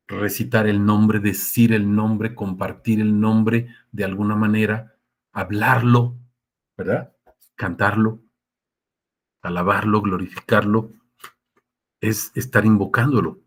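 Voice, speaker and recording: A man preaching a sermon in a conversational way, speaking, often checking with listeners and acting out quotes. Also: fairly low pitch. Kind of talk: sermon with live Q&A.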